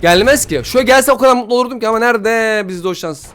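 A young man giving excited gameplay commentary while opening player packs, pleading and grumbling in frustration by turns. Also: very high voice, fast talker, faint music behind. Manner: swings from pleading to loud frustration.

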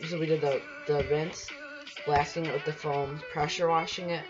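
A man's voice: fairly high pitch, little pitch movement, normal speed, lo-fi sound. A young man casually narrating a voice-over about cleaning his sailboat, rambling with lots of fillers and restarts. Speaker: sailing vlogger narrating his boat work. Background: background music.

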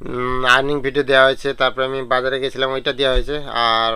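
A young man vlogging casually at home, sick with a cold and a sore throat, chatting with fillers and clearing his throat. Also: medium pitch, flat delivery, very fast, pushed and bright, dry recording. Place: at home and outdoors in the yard. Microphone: handheld camera on a stand.

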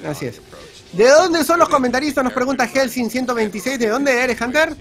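Peruvian male stream commentator, high-pitched, upbeat and chatty, casual live banter. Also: animated, fairly quick, fairly bright tone. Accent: Peruvian Spanish. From Peru. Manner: chatty, upbeat, filler-heavy. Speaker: speedrun commentator.

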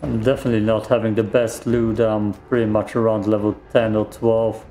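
A little hiss or hum sits under this German-native gamer's lowish, dark, flat voice as he talks briskly. Casually commenting on a let's play from his home setup's desk microphone, he rambles, reacts aloud, and makes self-deprecating remarks.

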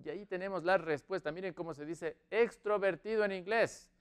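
A high, smooth-voiced man teaches English online to Spanish-speaking learners. He repeats words and example sentences slowly as drills, moving more quickly when he explains.

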